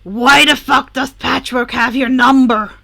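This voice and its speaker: A woman reading a fanfic aloud and voicing a foul-mouthed, irritable young male villain who talks gruffly and loudly. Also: high voice, steady tone, unhurried, exaggerated voice. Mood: exasperated. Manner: gruff, swearing, loud. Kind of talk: podfic character voice.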